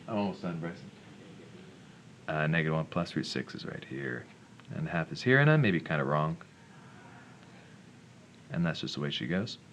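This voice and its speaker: A low-voiced man works through a math problem aloud, mumbling calculations and cracking dry jokes at his own expense. The recording is dull and lo-fi, with a faint hiss under the voice. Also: a bit bright. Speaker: math teacher. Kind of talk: casual worked-solution walkthrough.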